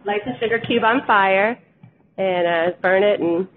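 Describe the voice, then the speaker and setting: A woman's voice: mid-range voice, unhurried. Woman bartender, brief and matter-of-fact, lo-fi tinny sound with light noise. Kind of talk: casual interview answers. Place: bar in a restaurant. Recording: tinny phone-like sound, faint hiss.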